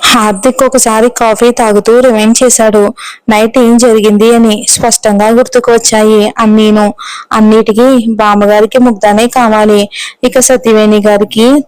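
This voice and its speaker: Smooth-voiced woman reading a romance story. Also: on the high side, little pitch movement, moderate pace, a little mellow, no room sound, rough recording.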